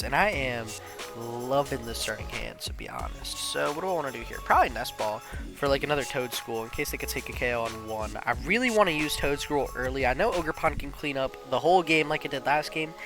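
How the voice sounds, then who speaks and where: A young man of medium pitch, his nose slightly sniffly from allergies, thinks out loud while commentating his own online card game. He uses slang and breaks into sudden excited laughs.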